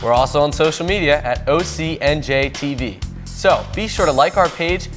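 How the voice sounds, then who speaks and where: A young man anchoring a local news show in a relaxed, easygoing manner. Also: a little high, moderate pace, over music.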